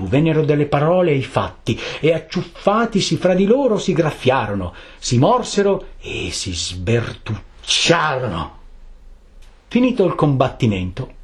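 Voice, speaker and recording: Brief: male audiobook narrator, lively pitch, playful sound effects. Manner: animated, adds mouth sound effects. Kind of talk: expressive storybook narration.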